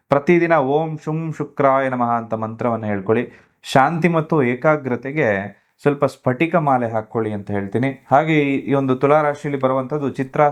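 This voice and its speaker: A man, an astrologer guest giving earnest, instructive advice on remedies in an interview. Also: mid-range voice. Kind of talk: advisory explanation of remedies.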